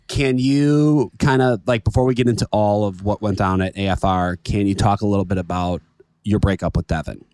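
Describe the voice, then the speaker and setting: A man co-hosting a casual podcast interview, laid-back and trailing off softly. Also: on the low side, fairly even intonation, a little fast, no echo. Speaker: podcast co-host.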